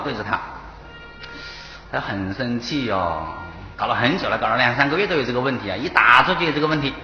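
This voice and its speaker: A man's voice: medium pitch, bright, forceful tone. A man, a Buddhist monk with a Taiwanese Mandarin accent, giving a dharma talk and telling parables, chuckling at his own points. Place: temple lecture hall. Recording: echoey hall, dull lo-fi, faint hiss.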